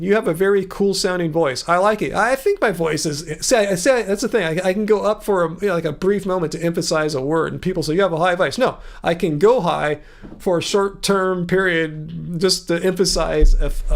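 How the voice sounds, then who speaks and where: A man's voice: fairly high pitch, vocal fry. A man hosting a casual livestream, reading viewer comments aloud and answering them in a rambling, chatty way. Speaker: livestream host. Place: home room.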